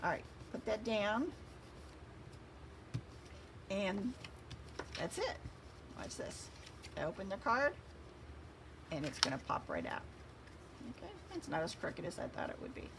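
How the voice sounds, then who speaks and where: A woman with a slightly gravelly, mid-pitched voice walks through a craft project step by step. She gives instructions as she works with her hands, and faint noise hums behind her. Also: very animated, a little slow, pauses often. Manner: instructive, talks while working with her hands. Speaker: craft tutorial host.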